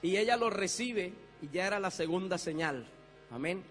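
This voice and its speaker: A man's voice: sits high, lively intonation, moderate pace, fairly bright tone, big-room sound, soft background music. A man, a pastor, giving a fervent church testimony, laughing often and sprinkling his talk with amens.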